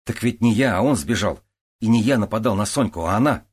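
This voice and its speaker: A man's voice: fairly low pitch, expressive, a little fast, breathy edge, voice pushed up. A man voicing a stubborn young police lieutenant who answers in terse, defensive bursts, read as an audiobook character.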